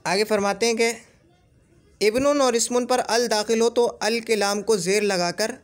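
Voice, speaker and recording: A man teaching Arabic grammar in Urdu, repeating each example word slowly and checking in with "theek hai?". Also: high voice, steady tone. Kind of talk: explaining a grammar lesson.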